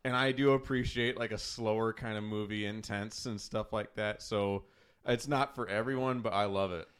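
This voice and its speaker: A man's voice: fairly low pitch, fairly even intonation, moderate pace, fairly bright tone, smooth. A young man hosting a casual chat show, talking enthusiastically and rambling. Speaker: podcast host.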